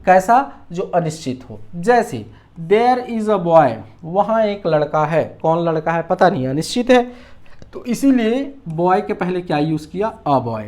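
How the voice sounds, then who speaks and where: A woman's voice: on the low side, animated, a little slow, a little mellow. Woman teaching grammar, quizzing herself. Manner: explains patiently, asks and answers her own questions. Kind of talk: classroom grammar lesson.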